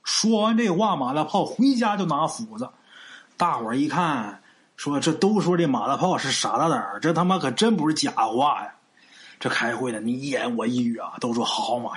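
Chatty male ghost-story teller. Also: on the high side. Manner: colloquial, chatty asides. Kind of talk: folksy ghost-story narration.

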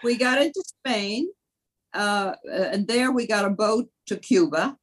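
A woman in her eighties from France, recounting family history as a guest in a measured way with frequent hesitant pauses. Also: mid-range voice, animated, low-quality recording. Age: 80s. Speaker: guest, grandmother.

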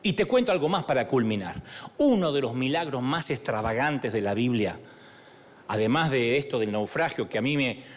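A man's voice: mid-range voice, animated, normal speed. A man preaching a sermon in a humorous, storytelling way, acting out the voices of the people in his stories.

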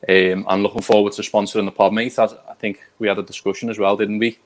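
A man's voice: fairly low pitch, flat delivery, fast talker. A man speaking as a podcast guest, explaining things in an informal, unassuming way. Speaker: podcast guest, print designer. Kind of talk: casual chat.

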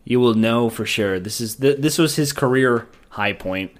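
A man's voice: medium pitch, normal speed. A man co-hosting a podcast in casual chat, rambling and profane, laughing often. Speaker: podcast co-host.

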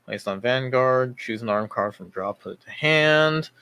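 A man's voice: mid-range voice, a little slow, bright, forceful tone, clean tone, no room sound. A man in his twenties co-hosting a casual podcast, thinking aloud and explaining step by step. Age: 20s. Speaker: podcast co-host. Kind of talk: casual chat.

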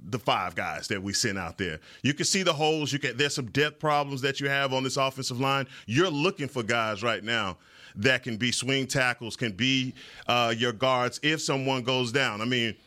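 Male sports co-host, medium register, forceful tone, colloquial analysis. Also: medium pitch, moderate pace. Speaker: sports talk show co-host. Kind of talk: casual sports analysis chat. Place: podcast studio.

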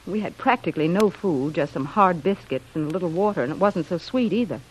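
In this noisy old radio drama from the 1940s, an actress earnestly voices a plucky shipwrecked wife inventing a cover story. She speaks a little fast in a lowish voice with lively intonation and a breathy edge.

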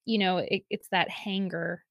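A woman's voice: on the low side, steady tone, unhurried, gravelly, fairly bright tone, dry recording, studio quality. A woman hosting a parenting podcast, talking in a casual, hesitant way with many fillers and restarts. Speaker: podcast host. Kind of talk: casual interview chat.

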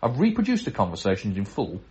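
A middle-aged man with a lowish voice hosts a casual podcast. He reads listener mail aloud and keeps stopping to chuckle and poke fun at himself. His delivery is relaxed and conversational, with plenty of asides. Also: fast talker. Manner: chatty, chuckling, self-deprecating asides. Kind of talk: casual chat and letter reading.

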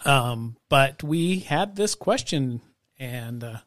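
A man with a mid-pitched voice co-hosts a casual podcast, recorded dry with no room sound. He steers the talk and keeps ribbing his co-host in a playful way. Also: animated, takes it slowly, fairly bright tone, dry recording. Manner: teasing, leads the conversation. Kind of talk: casual chat.

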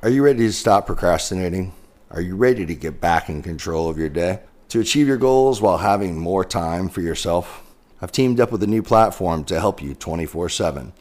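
A man's voice: deep voice, lively intonation, brisk, darkish tone. A man who works as a coach, delivering an upbeat, emphatic promotional read.

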